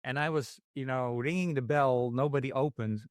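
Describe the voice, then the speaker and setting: A man from the Netherlands hosting a podcast interview, telling stories in a halting, self-deprecating way. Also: medium pitch, fairly even intonation, dry recording. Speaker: podcast host. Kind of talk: casual interview chat.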